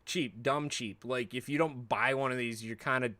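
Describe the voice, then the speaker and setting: A man's voice: mid-range voice, steady tone, moderate pace, sharp tone. A man hosting a livestream, chatting casually in rambling, joking rants. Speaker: livestream host.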